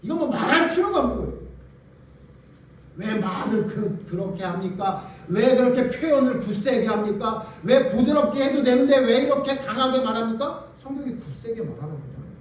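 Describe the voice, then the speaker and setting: A man's voice: very high-pitched, lively intonation, fairly quick, a little hiss or hum. A male pastor preaching a sermon, emphatic, firing rhetorical questions at the congregation. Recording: very echoey hall, voice from far off.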